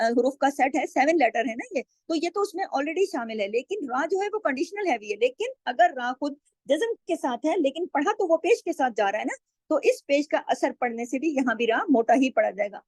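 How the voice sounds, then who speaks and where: High voiced lady teaching quran recitation rules, patient, repeats words slow, dry close sound. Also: no echo. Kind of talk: tajweed lesson with slow drawn-out example recitation.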